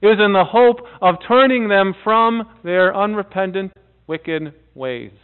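A middle-aged male pastor preaching a sermon in a church, earnest, with dramatic pauses and soft drops. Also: high voice, smooth. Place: church sanctuary before a seated congregation. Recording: tinny phone-like audio.

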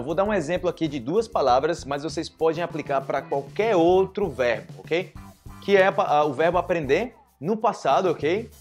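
Young Brazilian man, language teacher, raised voice, repeats syllables slowly, light music under. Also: a little high. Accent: Brazilian Portuguese. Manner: repeats words slowly syllable by syllable, asks "ok?" often. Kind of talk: pronunciation lesson to camera.

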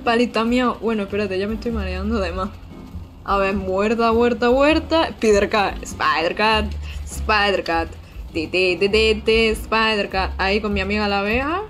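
A young woman, chatting excitedly and casually while she streams a video game. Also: medium pitch, normal speed, soft background music. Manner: excitable, chatty, with frequent squeals and giggles. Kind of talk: casual live-stream gameplay chat.

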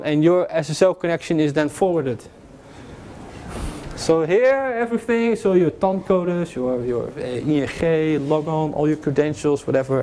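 In a classroom with a projector screen, a young adult man jokes his way through an informal technical lecture on security, often restarting and using fillers. His voice is on the high side with a dark tone, picked up by a far camera along with a little hiss or hum.

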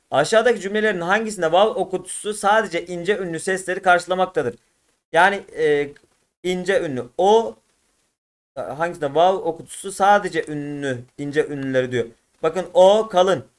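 A man teaching an exam walkthrough lesson, addressing students as friends and drawing words out syllable by syllable. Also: a little high. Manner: slow, drawn-out syllable by syllable explanation.

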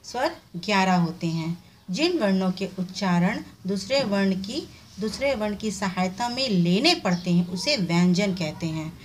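A woman's voice: medium pitch, expressive, a little slow, a little hiss or hum. A woman teacher giving a recorded revision lesson, explaining step by step and answering her own questions. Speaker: Hindi teacher.

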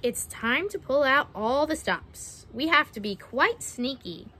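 With a high, sharp voice and lively intonation, a young adult woman reads a children's picture book unhurriedly on a wooden backyard deck outside. She plays up the verses expressively and puts questions to the little listeners.

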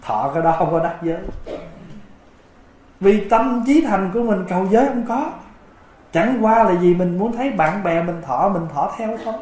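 A Buddhist monk giving a gentle dharma talk, now and then chanting verse passages from scripture. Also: male voice, sits high, lively intonation, normal speed. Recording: echoey room.

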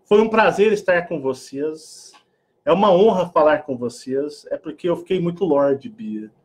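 Animated Brazilian man, higher voice. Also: a little slow. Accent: Brazilian Portuguese. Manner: animated, joking, swings between mock-posh and earnest. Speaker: spiritual channel host. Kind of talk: casual spiritual monologue.

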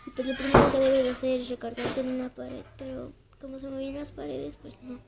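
A woman's voice: sits high, flat delivery, brisk, gravelly, over loud music. Shaken young woman with a Mexican accent. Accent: Mexican Spanish. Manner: repetitive, breathless retelling. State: trembling, shaken. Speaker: vlogger. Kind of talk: shaken casual vlog to camera. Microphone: handheld camera mic. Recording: noisy home recording.

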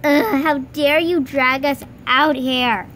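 A woman's voice: high voice, steady tone, slow pace, a bit bright. A woman voicing a spoiled female horse in amateur toy role-play, whining, indignant and melodramatic. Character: spoiled, whiny female horse, a drama queen. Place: outdoors, close to handheld camera. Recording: noisy handheld outdoor recording.

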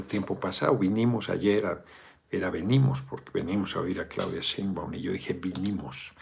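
Hosting a video chat, this middle-aged Mexican-accented politician offers casual political commentary in a mid-range voice with a gravelly edge. He's blunt, curses without hesitation, and keeps digressing and correcting himself before circling back.

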